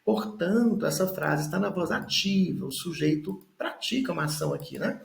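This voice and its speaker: A man leads an exam-prep lesson, walking through each point slowly and pausing to check understanding. His voice sits a little high and carries heavy fry. The room around him rings with echo. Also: animated. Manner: explains step by step, tags lines with "né?". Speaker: teacher. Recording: echoey room.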